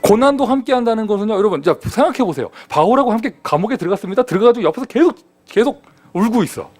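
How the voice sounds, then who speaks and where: A man preaching a sermon as pastor, in a lively conversational manner full of rhetorical questions. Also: high-pitched, very fast. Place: church sanctuary.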